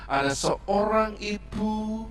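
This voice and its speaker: A man teaching Sunday school, telling a Bible story to children with animated, dramatic swings, in an echoey church hall away from the mic. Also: sits high, slow, far from the mic, slight background noise.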